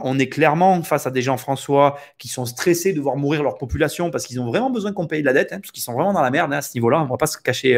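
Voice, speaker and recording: A man hosting a real estate podcast, speaking in a casual, opinionated monologue with rhetorical questions and frequent hesitations. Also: fairly high pitch. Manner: hesitant, many fillers and restarts, rhetorical questions.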